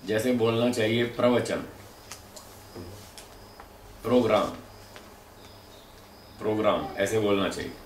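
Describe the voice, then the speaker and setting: Male lecturer, deliberate and explanatory, a bit low; echoey room, faint background noise. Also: distant mic. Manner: measured and explanatory, demonstrating pronunciations aloud. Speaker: lecturer on speech and pronunciation. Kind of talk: spoken lecture.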